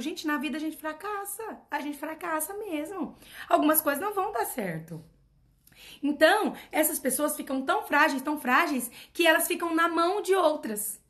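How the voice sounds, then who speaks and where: High-voiced woman mentor. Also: fairly bright tone. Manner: emphatic, repetitive, full of rhetorical questions. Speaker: personal development mentor. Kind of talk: motivational talk to followers.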